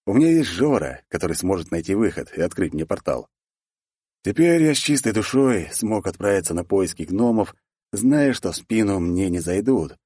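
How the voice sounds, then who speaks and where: Husky man narrating a fantasy audiobook. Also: sits low, warm tone, no room sound, studio quality.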